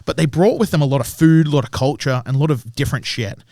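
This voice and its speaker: A man's voice: fairly high pitch, animated, fast, mellow, dry recording, clean studio sound. A young man, a tattoo artist guest on a podcast, telling rambling anecdotes in casual chat and swearing freely. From Australia. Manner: swears often, acts out voices in his anecdotes.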